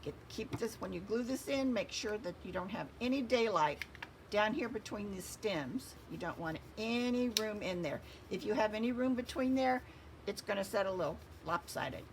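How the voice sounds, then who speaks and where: A woman with a slightly gravelly, mid-pitched voice walks through a craft project step by step. She gives instructions as she works with her hands, and faint noise hums behind her. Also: expressive, moderate pace. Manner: instructive, talks while working with her hands. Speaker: craft tutorial host.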